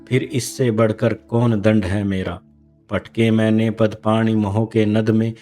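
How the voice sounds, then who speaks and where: A proud queen mother full of repentance, voiced by a man reciting a poem, speaks in solemn, measured verse. The voice sits low and dark, with a flat, unhurried delivery. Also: lightly acted.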